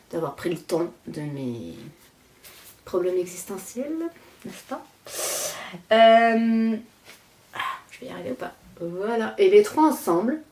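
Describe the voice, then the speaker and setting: Woman host, 30s, from France; low voice, easygoing rambling chat with fillers. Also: a little mellow, slight background noise. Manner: chatty, rambling, frequent "euh" fillers, self-deprecating laughs. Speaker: knitting podcast host. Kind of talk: casual chat.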